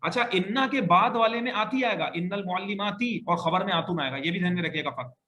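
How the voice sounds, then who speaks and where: A man teaching an Arabic grammar class, patiently repeating sentences slowly and correcting his students. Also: high-pitched, sharp tone, reverberant.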